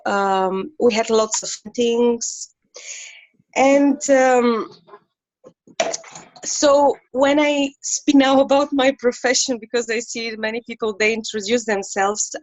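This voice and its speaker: A woman introduces herself over a video call, speaking slowly and pausing often to find her words. Her voice sits fairly high for a woman. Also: low-quality recording. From Bulgaria. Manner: halting, searching for words.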